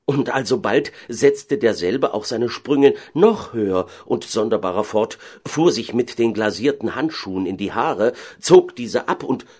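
A man narrating a fairy tale in an expressive, dramatic way. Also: lowish voice, a little slow, few pauses, husky.

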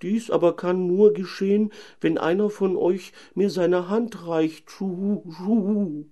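A man voicing a lonely, sad enchanted owl princess who hoots between her slow, mournful phrases. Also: high voice, steady tone, mellow, voice pushed up. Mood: pleading.

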